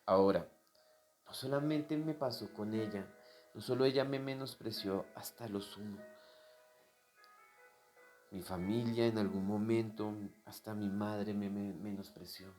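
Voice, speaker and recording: A man preaching a sermon, telling his own story straight to the listener, dropping to a hush and then rising to loud, emphatic peaks. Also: fairly low pitch, a little slow, long pauses, soft background music. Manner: personal testimony addressed directly to the listener.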